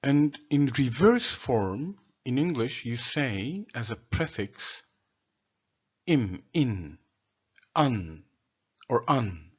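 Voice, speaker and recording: Slow husky man. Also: medium pitch, big pitch swings, muffled recording. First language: Turkish. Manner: slow, deliberate, lists words one by one. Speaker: presenter of a language theory. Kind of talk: solo explanatory lecture.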